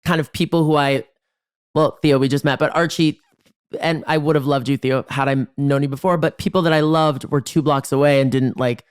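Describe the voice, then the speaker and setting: A man's voice: on the high side, steady tone, a little fast, clean tone. A man from Los Angeles hosting a casual interview over a video call, talking in a chatty, jokey, rambling way. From Los Angeles, United States. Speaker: host.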